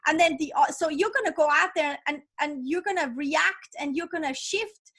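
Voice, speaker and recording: A woman's voice: sits high, moderate pace, a bit bright. A woman author, not a native English speaker, talking with upbeat enthusiasm as a podcast guest. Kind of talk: casual interview chat.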